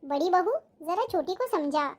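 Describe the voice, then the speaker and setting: A woman's voice: very high voice, lively intonation, moderate pace. An actress playing a caring older mother-in-law who heads the household, in a family drama. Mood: gentle. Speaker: actor.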